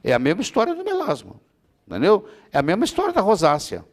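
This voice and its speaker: A man's voice: sits high, huge pitch swings, quick pace. A man giving a medical lecture to students, answering their questions with everyday analogies and often checking that they understand. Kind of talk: classroom lecture with Q&A.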